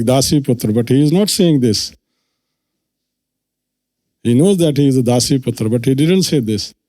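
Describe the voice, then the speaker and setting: A man's voice: a little high, warm tone. A man giving an earnest devotional lecture at a temple, explaining scripture and acting out quoted lines. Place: temple hall.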